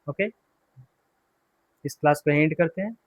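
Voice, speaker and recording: Slow-drilling male English teacher. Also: fairly high pitch. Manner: slow, repeats words and asks students to repeat; drills words one by one, quizzing the class. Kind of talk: classroom pronunciation lesson.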